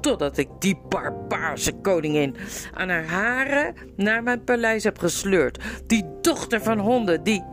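A woman's voice: lively intonation, a little slow, soft background music, close to an everyday voice. A woman reading aloud and voicing an arrogant young prince who rants and shrieks boastful curses. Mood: defiant. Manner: shrill, ranting, boastful.

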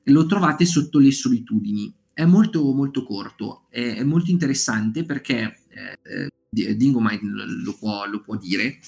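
A man with a fairly low, creaky, darkish voice speaks at a normal pace while hosting a casual live stream for his writing group. He recommends short stories, reads from books, and chats with his audience, filling his talk with fillers and restarts.

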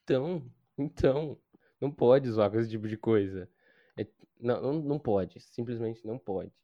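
A man's voice: mid-range voice, moderate pace, no room sound. A teenage Brazilian man with a Brazilian Portuguese accent, chatting casually and emphatically and repeating his point. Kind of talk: casual chat. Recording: dry lo-fi sound.

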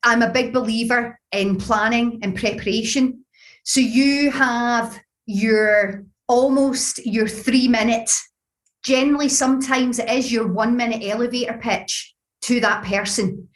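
A woman's voice: fairly high pitch, steady tone, measured pace. A woman with a Glaswegian accent giving conversational interview answers, explaining her points with examples. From Scotland. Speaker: business founder, interview guest.

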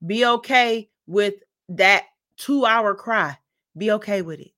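A woman's voice: mid-range voice, slow pace, pushed and bright, dry recording, studio quality. A woman life coach speaking as a podcast guest, encouraging and affirming. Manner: encouraging, affirming, calls listeners baby and y'all. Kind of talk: casual podcast conversation.

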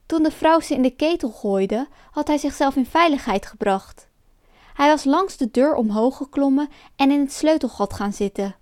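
A woman narrating a folk tale in a calm, expressive storytelling manner. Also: sits high, moderate pace.

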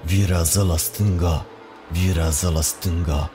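A man voicing a haunted car GPS that repeats slow, insistent commands in a low voice. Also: fairly even intonation, over music, natural voice.

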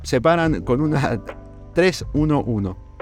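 A young man with an Argentine accent hosting a podcast, telling a story in a casual, animated way with lots of fillers. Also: a little high, faint music behind. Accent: Argentine Spanish. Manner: animated, drawn-out fillers, laughs while telling. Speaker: podcast host.

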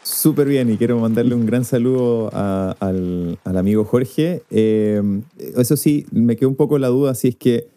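A man's voice: mid-range voice, normal speed, few pauses, warm tone. A man co-hosting a casual chat, speaking with dry, wry humor. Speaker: podcast co-host.

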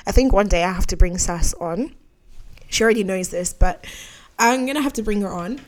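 A woman's voice: mid-range voice, a little fast. A young adult woman hosting her own podcast, talking candidly and rambling off on tangents, with frequent laughs. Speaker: podcast host. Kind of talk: solo podcast monologue.

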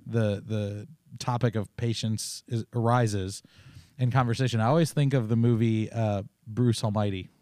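A man co-hosting a laid-back faith talk show, wandering through stories with restarts and asides. His voice sits at an ordinary pitch. The sound is dry and close, with no room around it. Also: fairly even intonation, normal speed, darkish tone, no room sound. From Oregon, United States. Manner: rambling, storytelling with many restarts. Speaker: podcast co-host. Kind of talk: casual faith chat.

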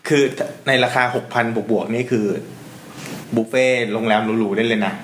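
A man's voice: lowish voice, steady tone, normal speed. Joking man in an echoey room. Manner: playful, joking, laughs often. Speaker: podcast host. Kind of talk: casual food podcast chat. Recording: echoey room with faint noise.

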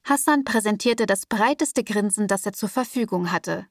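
A woman reading an audiobook as narrator in a steady, even storytelling manner on a studio microphone. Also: mid-range voice, moderate pace, dry recording. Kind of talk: scripted narration.

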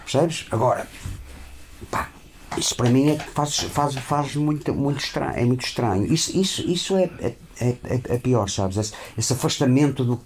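A man with a Portuguese accent and a mid-pitched voice chats in a casual group discussion. He circles back on his words, repeating them insistently and haltingly. There is noticeable noise behind him.

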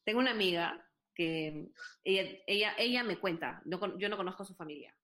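A Peruvian woman with a mid-range, somewhat bright voice talks animatedly and a little fast, her accent Peruvian Spanish. Telling stories in a relaxed chat, she is earnest yet hesitant, using many fillers.

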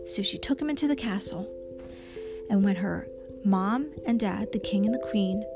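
A woman babysitter telling a made-up bedtime story, gentle and slow, at times sinking to a whisper. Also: medium pitch. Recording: storytelling over clear background music.

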